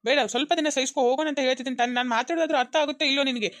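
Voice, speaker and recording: A woman's voice: mid-range voice, rapid-fire, no room sound, studio quality, natural voice. A woman voicing a young husband caught between his wife and his mother, insistent and coaxing, repeating himself.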